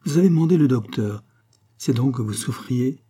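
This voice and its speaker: A man's voice: medium pitch, lively intonation, normal speed, dark tone, slightly rough. A man reading a novel aloud, playing a stubborn, fretful king who talks in an insistent, peevish way.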